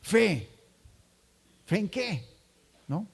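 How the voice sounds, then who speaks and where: A man's voice: sits high, big pitch swings, drawn-out words, creaky, husky. A male pastor giving a conversational sermon, acting out quoted voices and asking the congregation short tag questions. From Colombia.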